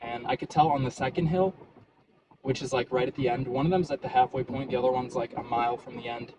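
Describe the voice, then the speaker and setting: A man's voice: medium pitch, fairly even intonation, fast talker, background noise. A man talking casually and a little hesitantly to his vlog audience, in a conversational solo style. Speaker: running vlogger.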